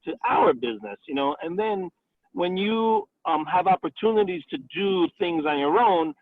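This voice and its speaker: A chatty restaurant owner in his forties, a man, talks on a thin, phone-like line with a dry sound and no room around it. His voice sits a little high for a man. He keeps leaning on "you know" between his thoughts. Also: animated, moderate pace, no room sound. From Italy, raised in the Bronx, New York. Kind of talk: career interview over a call.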